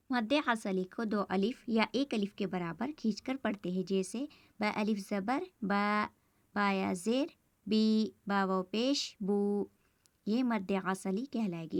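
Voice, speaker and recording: A woman with a Pakistani Urdu accent gives a step-by-step recitation lesson at a middle pitch. She stretches each example word slowly and repeats every rule patiently. The sound is dry and close, with no room around it. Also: darkish tone, dry recording. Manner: slow, drawn-out example words, repeats rules patiently. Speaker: Quran recitation teacher.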